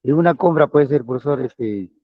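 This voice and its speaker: A man asking his teacher a question in a live class, hesitant and filling pauses. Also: medium pitch, expressive. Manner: hesitant, fills with "este". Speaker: student. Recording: thin phone-like line.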